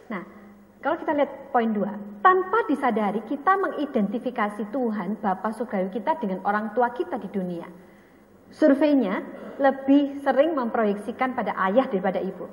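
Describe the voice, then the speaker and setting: Higher-voiced woman preaching in an echoing hall. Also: normal speed. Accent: Indonesian. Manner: animated storytelling, acts out dialogue. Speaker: evangelist speaker at a staff retreat. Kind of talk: teaching sermon with personal story. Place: retreat hall. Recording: roomy hall with long reverb.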